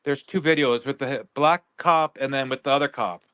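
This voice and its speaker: A man guest on a livestream, talking in a rambling, halting way with many restarts. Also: medium pitch, pushed and bright, clear, resonant tone. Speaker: guest neighbor. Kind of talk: casual livestream interview.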